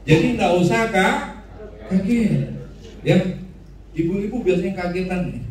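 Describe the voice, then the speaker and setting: A man's voice: high-pitched, expressive, a little slow. A man teaching a class, joking and asking the room questions. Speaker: instructor. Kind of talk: classroom lecture with audience questions. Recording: echoey room, voice from far off the mic.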